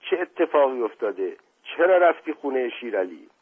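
A man voicing a stern, impatient older family patriarch, husky on a phone-like recording. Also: mid-range voice, sing-song, pitched above the performer's own voice. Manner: demanding, scolding.

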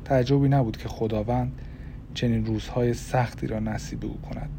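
A man narrating an audiobook novel in a calm, even storytelling manner. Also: mid-range voice, vocal fry, background noise. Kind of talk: scripted narration.

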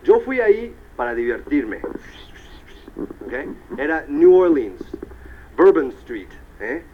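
Male motivational speaker, lively storytelling with English asides; slightly high voice, dull lo-fi live recording. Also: takes it slowly, breathy edge. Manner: animated storyteller, peppers Spanish with English tags like "right?" and "all right". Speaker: motivational speaker at a business convention. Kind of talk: live motivational speech to an audience.

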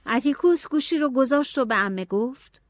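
Female audiobook narrator, expressive, higher pitch, dry close sound. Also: dry recording. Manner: expressive, shifting to hushed whispers and anxious cries.

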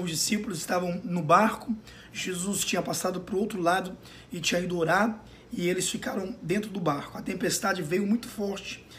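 High-voiced pastor preaching. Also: male voice, a little hiss or hum. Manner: earnest, reassuring, repeats phrases with filler pauses. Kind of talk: sermon.

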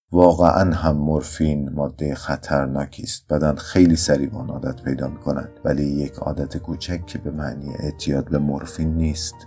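Very deep, dark male narrator voice. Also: husky. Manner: somber, measured, low-key reading. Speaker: audiobook narrator. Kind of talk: scripted first-person narration of a story.

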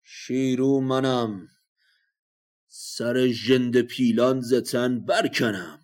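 A man voicing a boastful enemy champion warrior in a storytelling recording, shouting loud bragging challenges. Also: on the low side, steady tone, close to an everyday voice.

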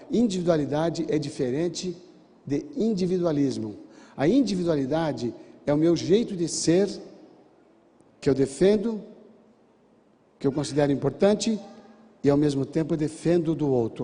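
A man's voice: fairly high pitch, lively intonation, moderate pace, pauses often, warm tone. A man giving a sermon-style talk, telling a counseling story and acting out the dialogue with emphatic repeated commands. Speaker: church counselor and speaker. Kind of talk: sermon-style lecture with stories. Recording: long hall reverb.

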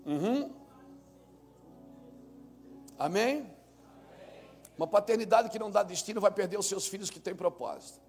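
A male senior pastor preaching a sermon, swinging from calm teaching into shouted, sung cadences. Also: high-pitched, normal speed, creaky, long pauses, slightly rough, soft background music.

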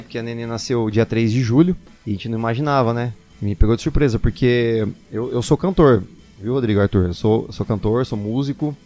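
A young man, a singer telling a personal story casually and animatedly, acting out what people said. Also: mid-range voice. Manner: animated, quotes people in excited voices.

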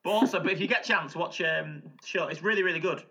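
A man's voice: high-pitched, fast, sharp tone. A man chatting casually with friends, enthusiastic and swearing freely. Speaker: podcast co-host. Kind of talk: casual chat. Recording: dull lo-fi audio.

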